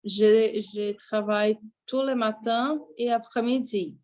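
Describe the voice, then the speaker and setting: A woman student, native Portuguese speaker, answering in halting, hesitant French and sounding tired. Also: a little high, steady tone, darkish tone.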